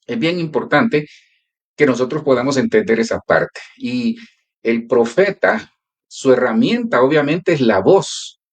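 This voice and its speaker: A man's voice: medium pitch, expressive, a little slow. A male pastor who prays and then teaches a church class, telling stories in a prayerful, earnest way.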